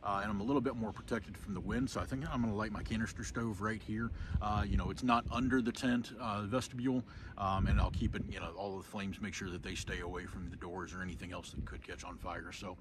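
A lower-voiced man in his thirties chats easily to his camera at a windy lakeside campsite, loose and rambling, full of little "uh"s and restarts. Faint outdoor hiss and breeze sit under his voice, picked up by a camera mic. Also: fast. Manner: relaxed, rambling, many "uh"s and restarts. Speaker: outdoor vlogger. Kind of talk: casual gear talk to camera.

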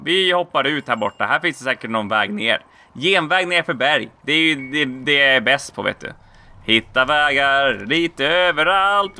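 A man giving casual, playful commentary while playing a video game, often laughing and squealing out high exclamations. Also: sharp tone. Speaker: let's play gamer.

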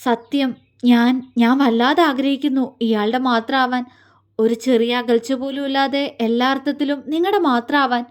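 Audio story: a shy, hesitant young wife, voiced by the narrator, soft and high. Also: female voice, steady tone, normal speed, close to an everyday voice. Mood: emotional.

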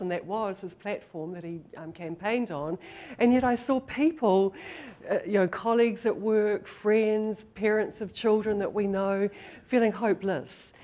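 A woman's voice: medium pitch, darkish tone. Middle-aged woman with a broad New Zealand accent. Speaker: marketing professor and author giving a talk. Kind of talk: live presentation to an audience. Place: indoor lecture room, standing.

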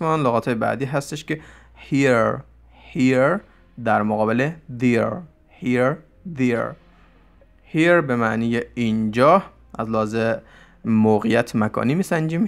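Gravelly-voiced man teaching English vocabulary. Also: medium pitch. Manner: explains in Persian, reads English examples slowly and deliberately. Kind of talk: Persian-language English vocabulary lesson.

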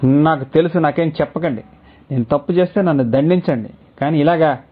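A man's voice: medium pitch, fast, husky, lightly acted. A man voicing a tearful young wife who pleads in broken, sobbing speech in a storybook reading. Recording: tinny phone-like audio.

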